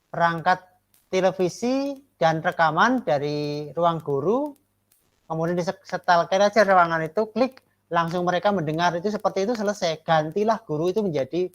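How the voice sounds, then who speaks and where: Man, teacher-training lecturer, rhetorical questions, stresses key words slowly. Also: sits high. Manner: rhetorical, keeps asking "ya kan?" for agreement. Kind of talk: classroom lecture and feedback.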